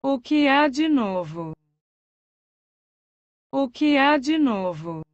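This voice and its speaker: A woman's voice: sits high, big pitch swings, slow, dry recording, lo-fi sound. A woman reading short phrases for a language lesson, saying each one twice with careful pronunciation. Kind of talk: slow repeated phrase reading.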